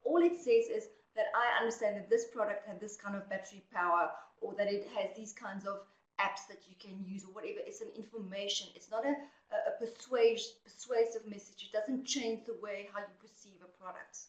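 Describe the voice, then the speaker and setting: A woman's voice: mid-range voice, fairly even intonation, brisk. A woman lecturer explaining a textbook topic to students step by step, checking in often with "okay?". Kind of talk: recorded lecture. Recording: echoey dull room recording.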